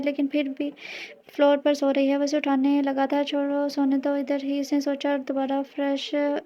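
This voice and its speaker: A woman reads a romance novel aloud in a high, mellow voice that barely rises or falls. She keeps a steady pace and stumbles now and then before going on. The recording sounds dull and lo-fi. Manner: steady flat reading with slips and restarts. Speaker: audio novel reader.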